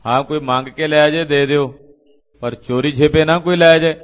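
A man's voice: fairly high pitch, steady tone, normal speed. A male preacher tells a sacred story in a lilting, half-chanted way, explaining scripture line by line. His voice carries a long reverberant tail, as if in a big hall, and the sound is dull and lo-fi. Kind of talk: Sikh scripture exposition.

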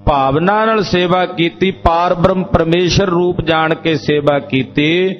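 A man's voice: on the high side, a little slow, faint music behind. A man preaching a Sikh sermon, explaining each sung verse by repeating its meaning in several phrasings. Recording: lo-fi dull recording.

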